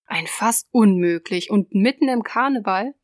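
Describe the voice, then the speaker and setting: A woman's voice: medium pitch, measured pace, no room sound, clean studio sound, close to an everyday voice. A woman doing a drunken boastful wine-snob man. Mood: incredulous. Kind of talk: audiobook character voice.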